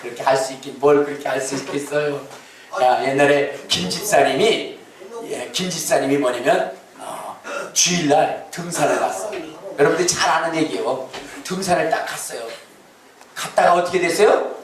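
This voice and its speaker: A man preaching a lively Sunday sermon as pastor, teasing the congregation with questions and acting out mock voices. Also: fairly high pitch, normal speed, crowd noise. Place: church sanctuary. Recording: echoey church hall, mic at a distance.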